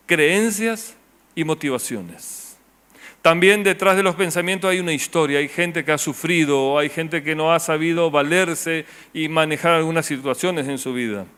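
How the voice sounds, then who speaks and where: A man with a Rioplatense Spanish accent preaching a sermon as pastor, asking the congregation rhetorical questions and dropping his voice low and soft on key words. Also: normal speed, smooth.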